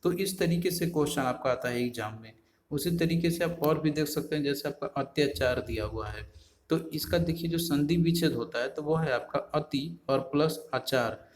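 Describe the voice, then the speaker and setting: A man with a slightly higher-than-average voice delivers an exam-prep grammar lecture. He walks through each rule patiently, repeating himself and posing rhetorical questions to his students. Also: normal speed. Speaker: teacher.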